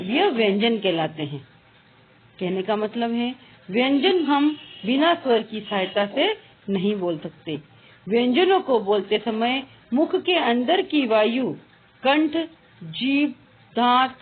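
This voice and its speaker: A woman teaching a grammar lesson, speaking slowly and deliberately and drawing out each letter sound. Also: fairly high pitch, husky. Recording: tinny phone-like sound.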